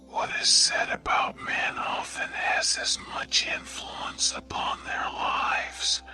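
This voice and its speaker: A man reading short sayings in a hushed, breathy ASMR whisper, deliberate and measured. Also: very deep voice. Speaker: narrator reading quotations.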